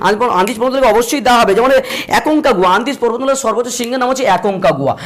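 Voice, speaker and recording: A man teaching a grammar lesson, repeating points and slowing down to spell out examples. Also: very high voice, expressive. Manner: repetitive, drills points, slows to spell out examples. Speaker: English teacher.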